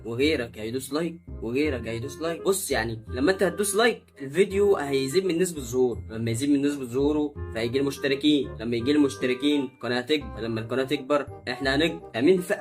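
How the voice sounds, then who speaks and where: A young Egyptian man with an Egyptian Arabic accent, hosting his channel with animated, mocking comic reactions. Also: medium pitch, very fast, hardly any pauses, soft background music. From Upper Egypt. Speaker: channel host.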